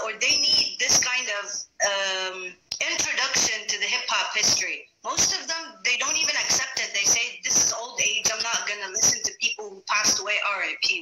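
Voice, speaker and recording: A woman's voice: on the high side, sharp tone. A woman in her forties, a native Arabic speaker, hosting a live-stream interview and eagerly hyping her guest. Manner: enthusiastic, hypes the guest. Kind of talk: casual interview on a live video call. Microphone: phone at arm's length. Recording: roomy noisy phone-mic audio.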